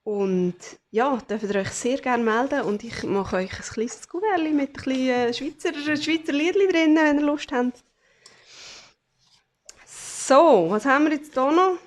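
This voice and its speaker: A woman's voice: high-pitched, a little slow. Chatty Swiss German woman. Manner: chatty, with many fillers, showing things to camera. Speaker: craft channel host. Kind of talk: casual crafting vlog.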